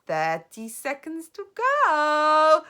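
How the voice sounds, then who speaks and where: A woman voicing the menacing old witch leader of a storybook, drawing out loud, theatrical pronouncements. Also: high-pitched, huge pitch swings, drawn-out words, pitched above the performer's own voice, heavily acted. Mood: gloating.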